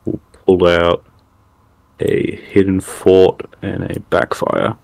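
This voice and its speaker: A man's voice: low voice, completely flat delivery, slow, creaky, darkish tone, no room sound. A man calling out his moves as the opponent in a card game, terse, dry and matter-of-fact.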